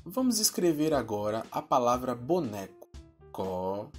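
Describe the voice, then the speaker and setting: A man voicing a cheerful virtual teacher with a Brazilian accent, explaining a lesson to children and slowing down to spell out words. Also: mid-range voice, big pitch swings, faint music behind. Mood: friendly. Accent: Brazilian Portuguese. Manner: upbeat, addressing children, slows to spell out words.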